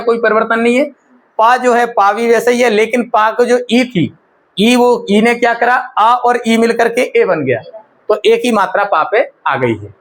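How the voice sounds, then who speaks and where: A teacher explaining a lesson step by step and checking often that the class follows. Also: mid-range voice.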